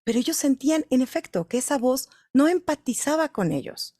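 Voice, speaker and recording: A woman's voice: high voice, sing-song, a little fast, mellow, no room sound, studio quality. Mexican woman giving an engaging talk. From Mexico City, Mexico. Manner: engaging, questions the audience directly. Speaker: voice-over artist giving a talk. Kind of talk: conference talk.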